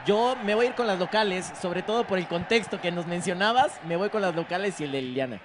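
High-voiced male football analyst. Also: fast. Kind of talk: conversational match commentary. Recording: faint stadium noise behind voice.

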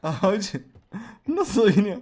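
A young man hosting a horror game video, reacting loudly with swearing and reading story text aloud. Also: high-pitched, very animated, slow pace, crowd noise. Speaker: gameplay video host. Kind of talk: excited horror game commentary.

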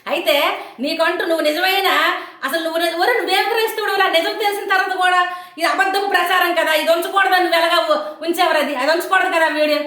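A woman tears into someone in a fast, scolding rant full of taunting questions. Her voice sits very high and sounds bright and sharp. The sound carries an echo, as if she recorded in a bare room. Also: fairly even intonation. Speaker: online commentator. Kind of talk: angry rant to camera.

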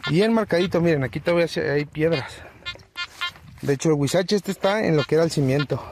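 A treasure-hunting vlogger talks to his audience, whom he often calls his friends, as he hunts for old relics outdoors in open countryside. He speaks fairly quickly in a fairly high voice over background noise.

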